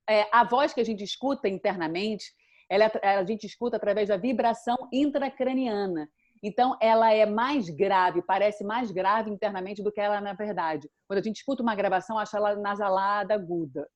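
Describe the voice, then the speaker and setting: Woman voice coach on a live stream, mid pitch, plays with her tone a lot. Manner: expressive, demonstrates tones as she explains. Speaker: voice and speaking coach.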